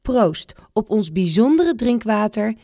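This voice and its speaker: A woman's voice: mid-range voice, very animated, takes it slowly, mellow, dry recording, studio quality, voice pushed up. A woman voicing a caring old grandmother in a read-aloud children's storybook. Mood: kindly.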